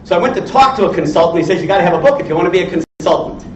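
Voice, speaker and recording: A man's voice: high-pitched, expressive, very fast. A man in his sixties giving an informal, blunt lecture to a class, teasing and quizzing his listeners in salty language. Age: 60s. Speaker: entrepreneur lecturer. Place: indoor teaching room with audience. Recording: echoey room, distant mic, dull, faint noise.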